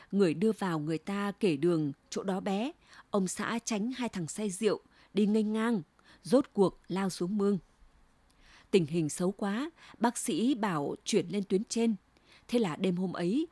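A woman reading a first-person family story aloud in a steady, confiding way. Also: mid-range voice, no room sound. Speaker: narrator.

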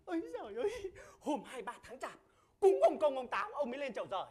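A woman playing a cheeky young male clown servant in a Vietnamese folk-opera comedy, teasing with quick retorts and frequent laughter. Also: sits high, big pitch swings, warm tone.

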